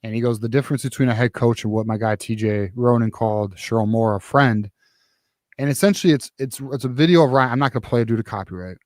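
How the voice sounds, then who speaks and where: A man hosts a casual postgame sports show, ranting with plenty of profanity and false starts. His voice sits at an ordinary pitch. It sounds close and dry, with little room sound. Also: fast, a little mellow, no room sound. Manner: profane, heated, rambling with many restarts. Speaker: podcast host.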